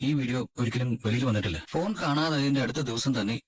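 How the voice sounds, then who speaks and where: A man dubbing an earnest, worried elder brother figure who talks fast and persuasively. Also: medium pitch, lightly acted. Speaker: dub voice actor. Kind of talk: fan dub of a TV serial.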